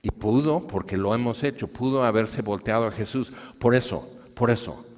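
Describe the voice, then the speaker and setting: A man's voice: medium pitch, moderate pace. A man with a Mexican accent preaching a sermon at a convention, animatedly acting out the scenes of the story he tells. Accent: Mexican Spanish. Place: large hall. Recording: long hall reverb.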